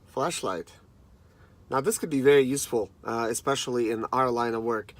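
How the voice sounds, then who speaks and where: A man in his thirties does a casual unboxing chat to camera, reviewing a product conversationally and calling viewers "guys." He has a mid-range voice and a moderate pace.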